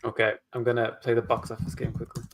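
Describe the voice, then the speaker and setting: A man's voice: mid-range voice, completely flat delivery, fast talker, noisy background. A man, maybe, chatting casually on a livestream, half talking to himself with dry exclamations. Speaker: co-host of a writing livestream.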